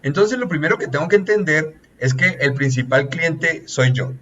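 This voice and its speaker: A male relationships consultant gives an earnest, teacherly coaching talk, going through his points one by one. His voice is a little high and a bit bright, at a moderate pace, and the muffled recording carries a slight hiss or hum.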